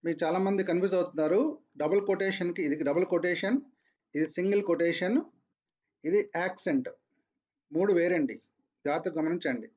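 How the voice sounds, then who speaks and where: A man's voice: high-pitched, a little fast, pauses often, darkish tone, highs cut off. A man teaching a programming class online, repeating his points patiently. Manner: repeats points, mixes English into Telugu.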